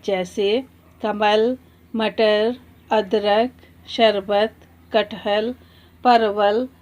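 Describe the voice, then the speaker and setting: A woman teacher explaining a lesson to children, slowly drawing out example words one by one. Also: fairly high pitch. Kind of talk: slow, deliberate classroom explanation.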